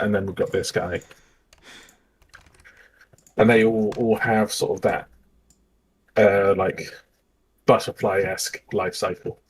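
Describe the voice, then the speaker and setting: A man's voice: fairly low pitch, a little hiss or hum. A man streaming as a game developer, talking casually and hesitantly with many fillers, joking with his co-host. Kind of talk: casual livestream chat.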